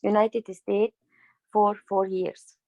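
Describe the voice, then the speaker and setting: Slow woman learner. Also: mid-range voice, little pitch movement, highs cut off. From Egypt. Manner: slow, deliberate, with small hesitations. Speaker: adult English learner leading a class talk.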